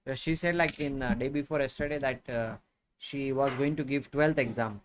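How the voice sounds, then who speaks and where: A man's voice: mid-range voice, normal speed, slight background noise. A man in his thirties co-hosting a live chess stream, thinking aloud about moves with many fillers. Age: 30s. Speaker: chess commentator co-host. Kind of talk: casual chess commentary. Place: room at home.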